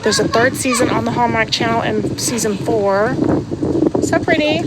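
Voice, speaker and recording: A woman's voice: fairly high pitch, fairly even intonation, a little slow, very noisy. A woman in her thirties, a mother chatting casually to her vlog audience, laughing often and dropping sarcastic asides. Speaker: vlogger and mother. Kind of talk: casual chat.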